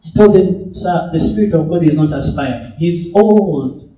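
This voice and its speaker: A man's voice: fairly high pitch, lively intonation, moderate pace, lo-fi sound. A young man preaching at a retreat Q&A, exhorting the audience directly and laughing often. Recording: echoey hall, mic far off.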